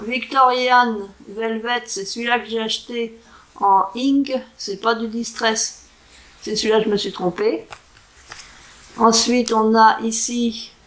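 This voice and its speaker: A woman doing a casual crafting vlog, talking in a hesitant, chatty way and sounding out foreign words slowly. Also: on the high side, fairly bright tone, rough recording. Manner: chatty with frequent fillers and self-corrections. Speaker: crafting vlogger. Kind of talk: casual show-and-tell craft chat.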